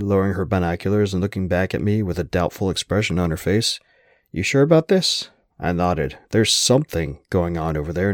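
Man, very low voice, dry close sound, wry first-person audiobook narration. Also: darkish tone, no echo.

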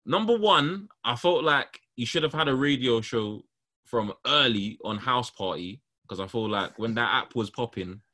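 A man's voice: medium pitch, lively intonation, moderate pace, bright, forceful tone. A man with a London street accent hosting a podcast in casual, slangy roadman talk. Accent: London, urban street style. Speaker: podcast host. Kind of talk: casual chat.

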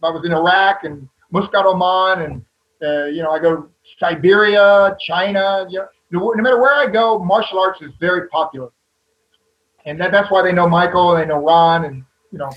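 Male actor, high-pitched, candid rambling panel talk, lo-fi sound. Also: steady tone, normal speed. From American South. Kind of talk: panel discussion.

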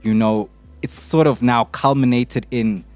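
A man's voice: mid-range voice, steady tone, a little slow, a little mellow, no echo, soft background music. A man with a South African accent discussing casually as a podcast panelist, often checking in with small tag phrases. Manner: often tags phrases with "you know".

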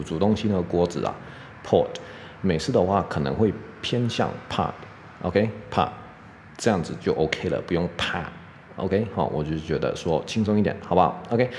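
A middle-aged man teaching English pronunciation on a podcast, chatty and relaxed, tagging "OK?" onto his sentences. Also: sits low, big-room sound, slight background noise. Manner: relaxed, chatty, peppers speech with "OK?".

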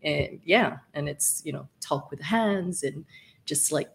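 A woman's voice: low-pitched, unhurried, gravelly. A woman from Somalia, a podcast guest talking effusively in a casual interview, with lots of fillers and easy laughter. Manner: effusive, laughs often, many fillers and restarts.

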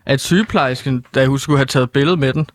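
A man's voice: mid-range voice, no room sound. A young man co-hosting a studio show, playful and bumbling in comic banter. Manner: playful, bumbling, blurts catchphrases. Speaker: co-host, news reporter. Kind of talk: casual comedic banter. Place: radio studio.

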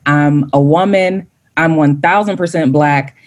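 Low-voiced young woman from Dallas. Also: a little slow, a little mellow. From Dallas, Texas. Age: young adult. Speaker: account executive, panel guest. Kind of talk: casual panel chat.

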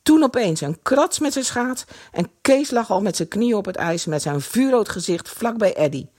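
A woman reading a children's novel aloud with a husky, slightly breathy voice. She reads dramatically and draws out the tense moments. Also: mid-range voice, lively intonation, normal speed, a little mellow. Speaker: audiobook reader.

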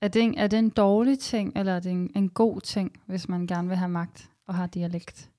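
A woman's voice: mid-range voice, level tone, mellow. A woman hosting a podcast, asking curious, somewhat hesitant questions in a casual conversation. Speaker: podcast host, interviewer.

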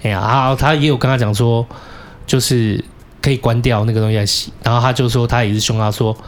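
A man with a Taiwanese Mandarin accent telling a story in casual chat, cursing and shouting when he acts out his anger. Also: mid-range voice, fairly even intonation, fast talker. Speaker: podcast co-host.

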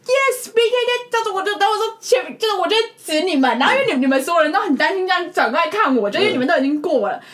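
A woman's voice: very high-pitched, racing, few pauses. A young woman, chatting on a podcast and telling a funny story with many restarts. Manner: animated, giggly, many restarts and fillers. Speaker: podcast co-host. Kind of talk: casual storytelling chat.

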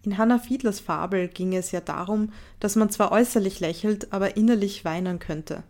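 A woman hosting a radio show, reading a scripted introduction in a calm, measured way. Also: mid-range voice.

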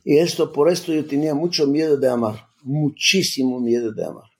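Older man telling his story, halting. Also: on the high side. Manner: halting, restarts often, salty slang. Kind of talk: personal storytelling, casual.

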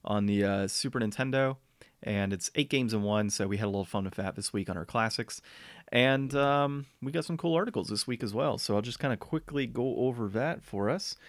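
A man hosts a podcast in an easygoing, rambling way, dropping "uh" and "like" between thoughts and laughing along. His voice sits at an ordinary middle pitch. The sound is dry and close, with no room around it. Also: a little fast, no room sound. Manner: loose and chatty, lots of fillers and laughs. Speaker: podcast host. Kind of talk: casual chat.

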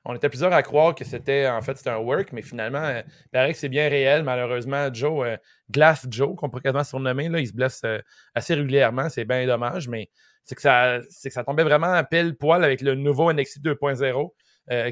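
A man with a Québécois French accent, a podcast guest giving relaxed, chatty commentary. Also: mid-range voice, brisk, no room sound, studio quality. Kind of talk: casual podcast chat.

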